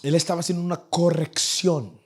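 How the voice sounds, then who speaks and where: A young man preaching a sermon to his church, animated and acting out the people in his stories. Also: fairly high pitch, moderate pace. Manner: animated, acts out nagging parents in a raised voice. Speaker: pastor. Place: church in Vancouver.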